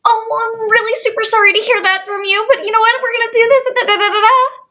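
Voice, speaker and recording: Girl doing a super perky phone agent gal, sugary sweet, squeaky high and bright, kinda creepy. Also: steady tone, fast. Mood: saccharine. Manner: gushing, saccharine, borderline creepy. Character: relentlessly cheery young female call centre agent.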